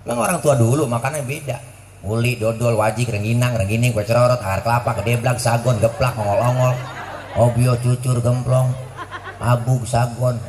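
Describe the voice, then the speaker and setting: A man's voice: mid-range voice, normal speed, roomy sound. A man preaching a comedic sermon to young people, teasing and joking as he tells stories. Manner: joking, teasing, lively storytelling. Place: community religious gathering. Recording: noisy live event with crowd laughter.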